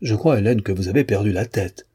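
Un homme lisant à voix haute qui prête sa voix à un jeune violoniste orgueilleux et irrité. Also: male voice, lowish voice, a little fast, mellow, breathy edge. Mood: irritated. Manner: angry, indignant. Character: proud, irritated young male violinist.

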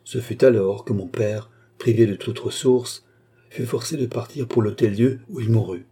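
A man's voice: mid-range voice, moderate pace, dark tone, slightly rough, natural voice. A man reading the part of a young woman of fallen noble birth, telling her grim childhood in an earnest, grave, plaintive way for an audiobook. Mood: sorrowful.

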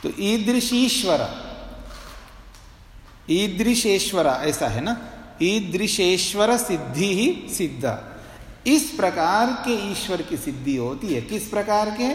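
High-voiced man lecturing in an echoing hall. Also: sing-song. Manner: patient, repeats sutras slowly syllable by syllable, checks understanding. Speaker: swami teaching philosophy. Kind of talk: classroom lecture on scripture. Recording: roomy hall reverb.

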